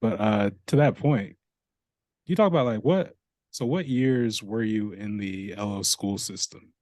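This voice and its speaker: A man's voice: fairly low pitch, unhurried, darkish tone, dry recording. A man interviewing a guest in a loose, casual way, full of fillers. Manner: loose, searching phrasing with many fillers.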